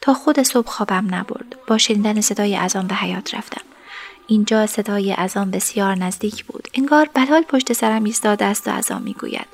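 A woman narrating a story in the first person, in a soft, sometimes whispered voice. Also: mid-range voice.

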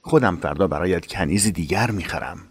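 An actor playing a devout young husband who speaks softly and earnestly in an audiobook drama. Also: male voice, low voice, slightly rough, no echo. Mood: coaxing.

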